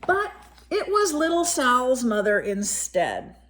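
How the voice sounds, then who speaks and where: With a high-sitting, fairly bright voice that swings widely in pitch, a woman reads a picture book aloud for young children. She reads expressively, breaking off to talk about the pictures and quiz her listeners.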